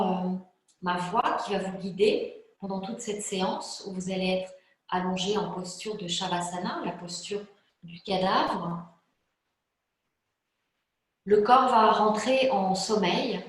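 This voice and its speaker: A woman yoga teacher calmly explaining a guided relaxation method, pausing often with hesitant fillers. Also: mid-range voice. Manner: calm, slow, hesitant with frequent fillers. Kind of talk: spoken yoga class introduction. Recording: very echoey room.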